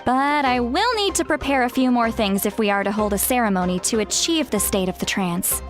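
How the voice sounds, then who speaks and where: An actress voices an earnest woman guide from a fantasy game, caring and measured as she explains things. Her voice sits a little high, with game music playing faintly behind it. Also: lightly acted. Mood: solemn, explaining. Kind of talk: scripted video game dialogue.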